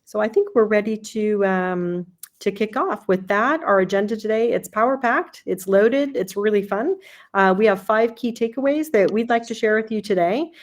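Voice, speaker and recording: A woman's voice: mid-range voice, moderate pace. A woman opens an online user group meeting. She speaks casually and invitingly, with plenty of ums and uhs. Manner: friendly, welcoming, with fillers. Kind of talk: casual webinar hosting.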